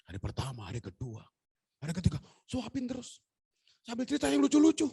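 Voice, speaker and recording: A man's voice: fast, vocal fry, breathy edge, no room sound, clean studio sound. A male pastor preaching in a storytelling sermon, joking and acting out the voices of the people in his story. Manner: animated, jokey storytelling, acts out dialogue in high voices.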